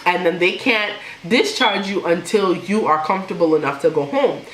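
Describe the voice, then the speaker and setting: A young woman vlogger telling a personal story in a casual, animated way, laughing now and then. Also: lowish voice, normal speed. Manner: animated, laughs while telling, imitates others. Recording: echoey room with faint noise.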